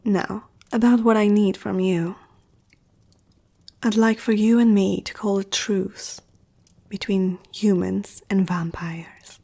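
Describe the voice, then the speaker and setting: Here a woman takes on the role of an ancient and powerful vampire noble in ASMR, intimate, poised and seductive, her words coming as a breathy half-whisper. She keeps a medium pitch and a steady, warm tone at a slow pace, sounding measured and persuasive.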